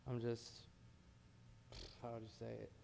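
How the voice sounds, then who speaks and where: A man's voice: mid-range voice, monotone, a little slow, creaky, mellow. An American man, a heavyweight boxer, talking casually and modestly in a pre-fight interview.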